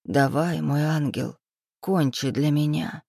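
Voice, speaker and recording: A woman reading a romance audiobook, voicing a commanding, possessive adult man in a lower, hushed tone. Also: fairly even intonation, unhurried, dry recording, studio quality. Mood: low insistent.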